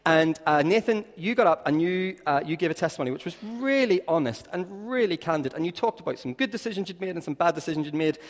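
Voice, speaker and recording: A man's voice: fairly high pitch, expressive, quick pace, few pauses. An Irish man preaching a sermon as a lilting, dramatic storyteller, with playful asides to his congregation. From Ireland. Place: large church room, preaching to a congregation. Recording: echoey hall with long reverb.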